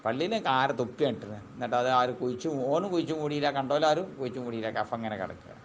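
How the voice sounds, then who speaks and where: A man teaching a classical religious text, reading Arabic slowly and then explaining in quick colloquial speech. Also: medium pitch, expressive, highs cut off, a little hiss or hum.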